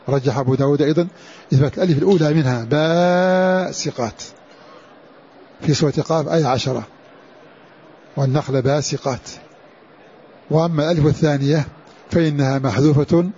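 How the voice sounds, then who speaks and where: A man giving a recorded religious lesson, measured and repetitive, slowly repeating key words as he explains. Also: on the high side, dark tone, slightly rough. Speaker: teacher of Quran orthography. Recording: dull lo-fi recording.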